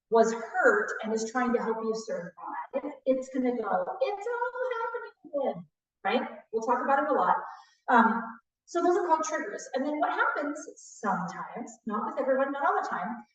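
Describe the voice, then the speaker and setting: Woman trainer, lecturing a class, conversational check-ins, distant mic, dull muffled sound. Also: on the high side. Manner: warm teacherly, frequent "right?" check-ins. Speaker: trauma training instructor. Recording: distant echoey dull room audio.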